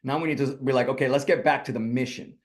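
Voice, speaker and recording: A man's voice: medium pitch, fairly even intonation, fast. A man from Puerto Rico giving a rallying, conversational presentation on a video call as a guest speaker, with many fillers. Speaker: guest speaker, real estate team leader. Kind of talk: energetic motivational presentation.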